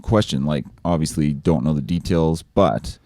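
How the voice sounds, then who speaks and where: A man with a very low, dark voice tells rambling anecdotes in relaxed podcast chat. The sound is dry and close on the mic. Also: moderate pace, dry recording. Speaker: podcast co-host. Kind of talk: casual chat.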